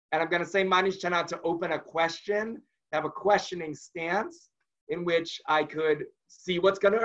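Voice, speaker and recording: High-voiced man teaching, lo-fi call audio. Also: a bit bright. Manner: conversational, acts out quoted voices. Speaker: rabbi teaching a class. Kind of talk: online lecture.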